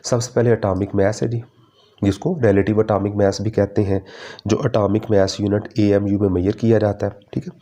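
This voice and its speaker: A man walks students through a chemistry syllabus in a fatherly tone. His voice is mellow and dark, and he slows down when he reads out the English syllabus lines. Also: fairly low pitch, little pitch movement. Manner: fatherly, calls students "beta", mixes English terms. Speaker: chemistry teacher. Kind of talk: exam-prep syllabus lecture.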